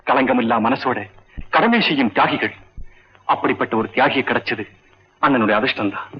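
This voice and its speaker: An actor playing an earnest, principled young doctor who reasons calmly with his family. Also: mid-range voice, fairly quick, natural voice. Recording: dull old film soundtrack with faint music.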